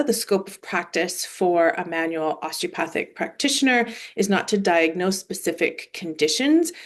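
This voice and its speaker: Lowish-voiced woman in her 40s explaining stuff, lots of ums, uses car comparisons. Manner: explanatory, with fillers and analogies. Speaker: osteopathic manual therapist. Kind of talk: presentation over shared screen.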